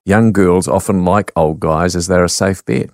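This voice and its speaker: Kiwi radio host in his 60s, low-pitched, dry close mic, quick to laugh. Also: dry recording. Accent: New Zealand. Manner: animated, laughs often, reads texts aloud. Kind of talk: talkback radio chat.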